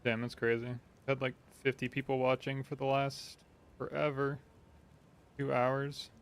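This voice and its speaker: A man's voice: mid-range voice, completely flat delivery, a little slow. A man giving casual, off-the-cuff livestream commentary while playing a video game. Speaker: game streamer. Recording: clearly noisy game ambience behind.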